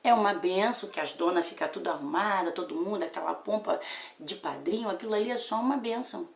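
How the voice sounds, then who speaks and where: Gravelly-voiced Brazilian woman telling a story. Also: mid-range voice, quick pace. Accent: Brazilian Portuguese. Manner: animated, repeats phrases for emphasis. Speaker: mother telling a family story. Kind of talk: emotional personal storytelling. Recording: roomy echo.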